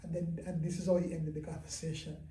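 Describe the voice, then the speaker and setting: A man, a pastor and gospel singer, talking in an interview in a reflective, halting and candid way. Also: fairly high pitch, level tone, dark tone, slight background noise. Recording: roomy sound from a distant mic.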